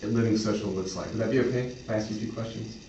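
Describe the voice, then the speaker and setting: A man improvising a sales pitch as a representative, speaking in an earnest, accommodating and halting way. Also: fairly even intonation, dark tone, muffled recording. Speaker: clinic representative in an improvised role-play. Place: echoey room, mic at a distance. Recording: roomy, distant mic, faint noise.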